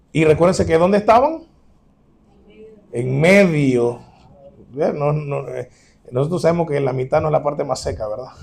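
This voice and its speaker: A man preaching a sermon as pastor, animated, acting out quotes and addressing the congregation as brothers. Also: a little high, vocal fry.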